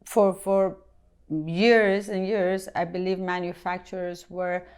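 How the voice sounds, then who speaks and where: A middle-aged woman from Iran speaks in a lowish, smooth and clear voice. She answers interview questions thoughtfully, often pausing with ums as she searches for words. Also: level tone, a little mellow. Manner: thoughtful, hesitant with many ums. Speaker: company president, guest.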